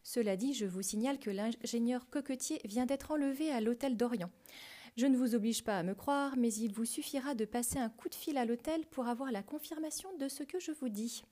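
A woman's voice: fairly high pitch, dark tone, voice pushed up, natural voice. A woman reading as a bold, self-assured teenage girl heroine. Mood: brisk, assured. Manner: brisk, self-assured, quick. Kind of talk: storybook reading.

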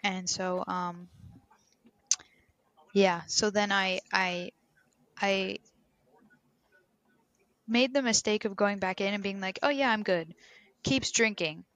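Young woman, podcast co-host; bright, sharp tone, animated rambling delivery, dry close sound. Casual chat. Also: mid-range voice, dry recording. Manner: animated, filler-heavy storytelling with quick bursts.

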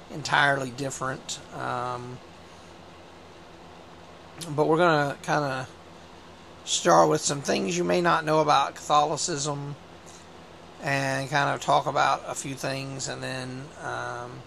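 Hoarse male bishop host with a gravelly, higher voice and a laid-back delivery. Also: slight background noise. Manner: relaxed, conversational, with frequent fillers. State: hoarse from a cold. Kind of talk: casual religious talk show.

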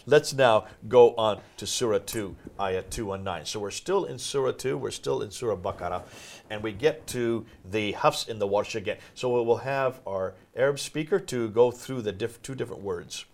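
A man's voice: lowish voice, moderate pace, vocal fry. A man hosting a discussion, explaining texts in an emphatic, teacher-like way. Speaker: host.

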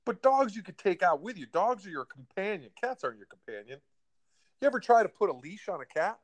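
A man's voice: sits high, big pitch swings, moderate pace, no room sound. A man co-hosting a casual chat, mocking and incredulous as he needles his friend. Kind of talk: casual banter.

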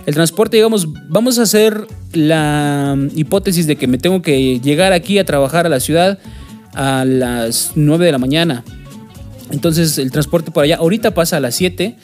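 A man's voice: on the high side, normal speed, darkish tone, soft background music. A man from Mexico City with a chilango accent, chatting casually on a podcast, swearing and using lots of fillers. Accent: Mexico City Spanish. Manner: slangy, swears often, many fillers. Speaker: podcast host. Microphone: studio microphone.

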